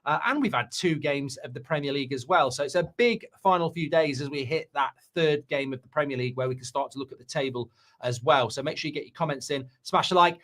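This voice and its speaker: A man's voice: fairly high pitch, quick pace, fairly bright tone. A man hosting a casual football chat stream, talking at length with frequent fillers and restarts. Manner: talkative, hesitant with fillers and restarts. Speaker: football channel host.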